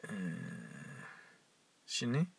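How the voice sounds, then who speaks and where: A man's voice: drawn-out words, a bit bright, dry recording. Teasing, giggly male co-host. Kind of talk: casual chat.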